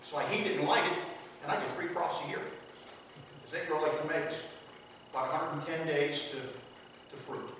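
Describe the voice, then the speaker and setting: A man addresses a crowded room, his fairly high voice carrying long reverb. He talks in a loose, conversational way, checking in with the room now and then. The distant mic catches the hall's echo and a faint hiss. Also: steady tone, moderate pace, pauses often, fairly bright tone. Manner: conversational, repeats himself, asks the room "okay?" and "right?". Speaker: public speaker from a sheriff's office. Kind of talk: public talk to an audience. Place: large echoey hall with an audience. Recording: echoey hall from far off, faint hiss.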